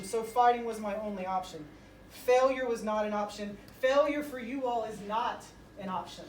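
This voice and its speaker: Emphatic woman giving a pep talk, echoey room. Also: fairly high pitch. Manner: emphatic, short declarative phrases with repetition. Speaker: motivational pregame speaker to a high school football team. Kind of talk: motivational speech. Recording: roomy echo, distant mic, faint noise.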